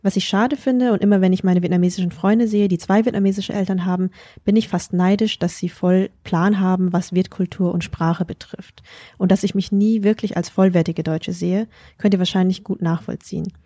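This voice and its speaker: A woman's voice: mid-range voice, fairly even intonation, brisk, warm tone, no echo, studio quality. A woman hosting a podcast, chatting casually and reading out a listener's message. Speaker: podcast host.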